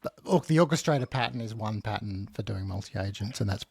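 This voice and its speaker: A man's voice: on the low side, animated, fairly quick, vocal fry, darkish tone, slightly rough, no echo. A man co-hosting a podcast, explaining technical ideas casually and step by step, thinking aloud. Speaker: podcast co-host.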